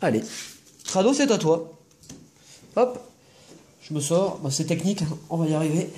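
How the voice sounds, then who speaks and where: Brief: husky male host, casual card-opening commentary, chatty with quick asides. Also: a little high, lively intonation, mellow.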